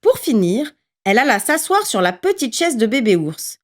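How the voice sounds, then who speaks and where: A woman narrating a children's story in an expressive, lively reading voice. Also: fairly high pitch, normal speed.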